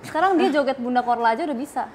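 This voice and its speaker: A woman guest telling her story in a lively, chatty way, slipping into English phrases. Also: sits high, very fast, over a noisy crowd. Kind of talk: casual interview chat.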